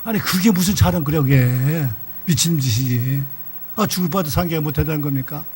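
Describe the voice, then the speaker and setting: An older man preaching a sermon in a church, telling a story in a lively, folksy way. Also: a little high, brisk, a little hiss or hum. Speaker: pastor.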